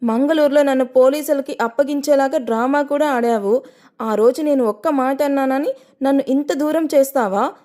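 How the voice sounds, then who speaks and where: A woman's voice: sits high, moderate pace, warm tone, voice pushed up, lightly acted. A woman voicing an anguished young man who pleads and accuses in a raised voice. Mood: pleading, heated.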